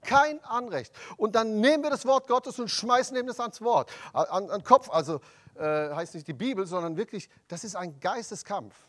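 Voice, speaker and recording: A man preaching a sermon, emphatic and rising to loud proclamations of scripture. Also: sits high, expressive, moderate pace.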